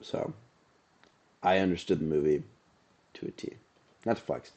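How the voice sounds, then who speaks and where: This young man's voice sits low and a little mellow at normal speed, with the highs cut off in the recording. He's a podcast co-host rambling casually and laid-back about movies, his nasal sound coming from allergies.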